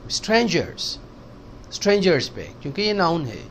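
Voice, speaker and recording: A man teaching spoken English, explaining slowly and repeating example sentences for practice. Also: on the high side, sing-song, slight background noise.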